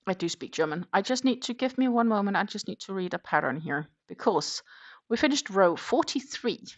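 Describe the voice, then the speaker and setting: A woman from Denmark hosts a casual crochet livestream, chatting, reading viewer comments aloud, and counting her stitches out loud as she works. Her medium-pitched voice is expressive and fairly quick.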